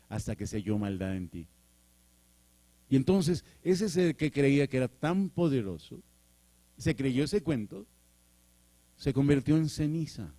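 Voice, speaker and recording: A man's voice: medium pitch, no room sound. A man preaching a sermon, telling a story and acting out the dialogue with animation. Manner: animated, acts out dialogue, chuckles.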